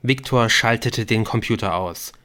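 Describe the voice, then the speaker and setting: Steady male audiobook narrator. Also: lowish voice. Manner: even, measured reading. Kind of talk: scripted narration.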